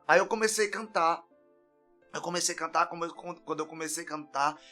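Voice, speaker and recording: A man's voice: on the high side, brisk, soft background music. A man giving an earnest, emotional personal testimony as a podcast guest, his voice rising when he recounts crying out. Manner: earnest, tearful, grows loud when recounting.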